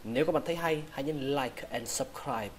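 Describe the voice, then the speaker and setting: A man teaching English words in a slow lesson, sounding out each part of a word and saying every word twice. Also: medium pitch, slight background noise. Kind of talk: slow vocabulary lesson for Vietnamese learners.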